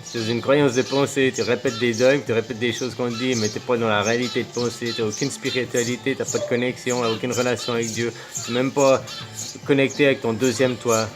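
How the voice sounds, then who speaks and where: A man's voice: medium pitch, level tone, fairly quick, music in the background. A man delivering a loose, rambling spiritual monologue to his viewers, full of fillers and rhetorical questions. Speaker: spiritual video blogger.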